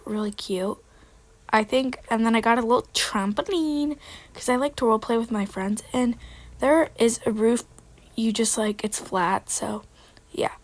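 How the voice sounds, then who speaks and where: A woman's voice: a little high, no echo. A young woman with a slightly cracky voice, giving a casual, hesitant, rambling commentary as she hosts a game tour. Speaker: video host.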